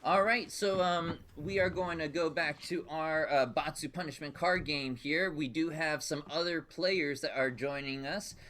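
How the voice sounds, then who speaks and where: Upbeat male stream host, slightly high voice, welcoming and quick to laugh. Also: sharp tone. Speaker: game show host. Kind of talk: casual live stream hosting.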